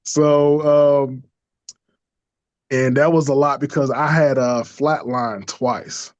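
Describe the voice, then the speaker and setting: A man telling a personal story in a casual interview, lively, laughing often and acting out the voices of people he quotes. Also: medium pitch, takes it slowly, no room sound. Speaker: interview guest. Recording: dull lo-fi dry sound.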